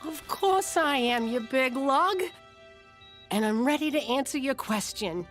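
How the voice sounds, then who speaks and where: A woman's voice: high-pitched, lively intonation, measured pace, faint music behind. A woman voicing a feisty, exasperated working-class cartoon wife with blunt, streetwise talk. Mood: fondly exasperated.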